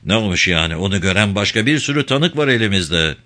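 A man voicing a weary male detective who asks questions in a low, measured way, in an audiobook reading. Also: expressive, bright, forceful tone. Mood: questioning.

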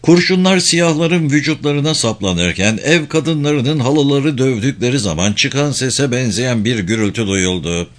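A man reading a novel aloud in an expressive, dramatic narrating style. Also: mid-range voice, a little slow, few pauses. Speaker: audiobook reader.

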